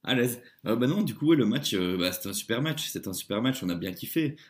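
A man's voice: mid-range voice, lively intonation, quick pace. A man chatting casually about sport as a co-host, informal and a little hesitant, often repeating his phrases. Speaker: co-host giving match commentary.

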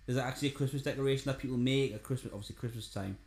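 A man's voice: medium pitch, very fast. A man, co-hosting a casual film chat podcast and talking in a chatty, repetitive way. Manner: chatty, repeats himself, frequent "aye". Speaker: podcast co-host. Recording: roomy echo.

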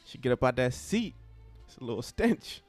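A man's voice: mid-range voice, very animated, normal speed, darkish tone, faint music behind. A young man joking around in a casual podcast chat, setting up funny scenarios. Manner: jokey, tells scenarios. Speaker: podcast co-host.

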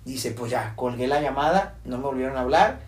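A man's voice: expressive, a little fast. A young Mexican man casually telling a ghost story to friends, rambling and jumping into quoted voices. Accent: Mexican Spanish. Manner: rambling, acts out quoted voices with high pitch jumps. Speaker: podcast host telling a scary story. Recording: echoey room.

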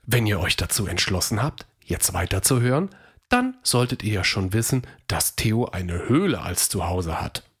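A woman narrating a children's story in a slow, lively storytelling manner. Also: very deep voice, breathy edge.

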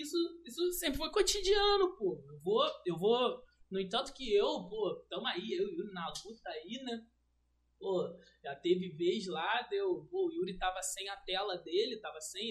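A woman, a guest telling a personal story in casual slang and acting out the dialogue. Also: medium pitch. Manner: animated, slangy, acts out quoted dialogue. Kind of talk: emotional personal storytelling on a livestream.

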